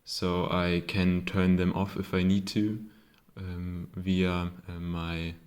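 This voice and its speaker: A German man, a non-native speaker with a German accent, casually shows off his own circuit board, hesitating with many ums and self-corrections. His voice sits low with a darkish tone, monotone and slow.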